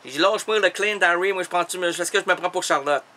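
A man's voice: sits high, quick pace, pushed and bright. A man with a Québécois accent improvising an absurd monologue, rambling through puns and repeated words. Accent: Québécois French.

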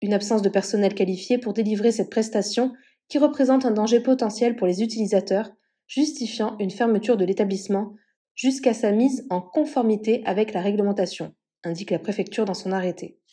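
A woman narrating a celebrity news story as scripted voice-over, reading an article in an even manner. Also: mid-range voice, fairly quick.

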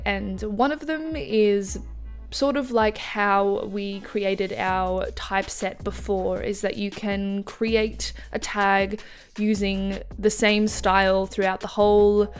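A woman narrating a relaxed art tutorial, talking casually with many small fillers as she explains each step. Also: medium pitch. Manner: casual, lots of "sort of" and "like" fillers.

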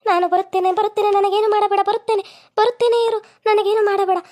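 A shrill, very high-pitched ghost woman in a cartoon, possessive and desperate, crying again and again to be released. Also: little pitch movement, fast, a little mellow. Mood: surrendering. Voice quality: shrill, pleading. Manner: repeats cries of protest, defiant then begging. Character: possessive female ghost clinging to her beloved.

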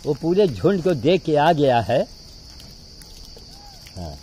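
A man's voice: on the high side, sing-song, slow, dark tone, slight background noise. A man talking casually outdoors while feeding monkeys, coaxing them with repeated calls. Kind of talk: casual outdoor vlog chat.

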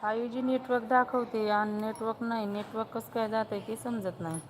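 A woman's voice: a little high, fairly even intonation, brisk, crowd noise. A woman live streaming on her phone, chatting casually with viewers, teasing them and greeting each one by name.

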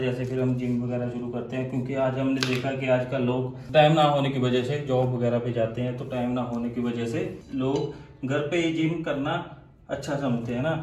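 A man giving a casual product review, chatty and loose, often tagging his sentences with a quick "okay". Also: medium pitch, a little mellow. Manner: chatty, repeats "ठीक है" often. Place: room with tiled floor, indoors. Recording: echoey room, a bit far from mic.

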